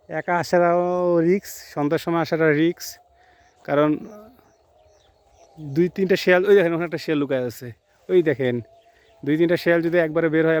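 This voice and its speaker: A man's voice: fairly high pitch, a little mellow. A man narrating a travel vlog outdoors in the fields, speaking straight to his viewers and pointing things out as he films. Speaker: travel vlogger. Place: outdoors by mustard fields at a border.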